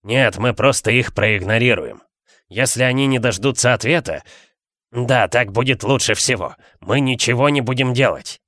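A man reading an audiobook, voicing a blustering, bullying middle-aged uncle with a gruff, contemptuous manner, in a dry recording. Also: medium pitch, normal speed, a bit bright, dry recording, close to an everyday voice. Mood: muttering tense.

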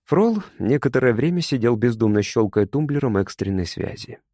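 A man narrating an audiobook in an expressive, lively reading. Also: mid-range voice, moderate pace, no echo, studio quality. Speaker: reader.

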